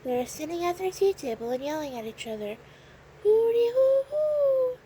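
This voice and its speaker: A woman narrating a children's storybook with a gentle, expressive read-aloud delivery. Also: high voice, quick pace, slight background noise, poor audio.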